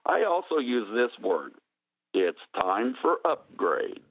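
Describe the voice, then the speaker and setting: A man teaching on religion as a radio interview guest, in emphatic, measured phrases over a phone-like line. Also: mid-range voice, sing-song, no echo. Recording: muffled, band-limited phone-like line.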